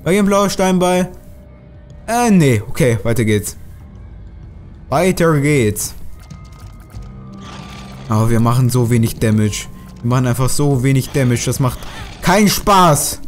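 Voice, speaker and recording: A man's voice: medium pitch, expressive, normal speed, soft background music. A man commenting on his own play in a let's play, chatty, grumbling and swearing at enemies as he goes. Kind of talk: gaming commentary.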